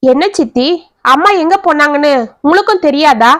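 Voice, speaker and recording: A woman's voice: high-pitched, moderate pace, fairly bright tone, no room sound. A woman voicing a worried young married man who pleads and questions as he searches for his missing mother. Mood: pleading.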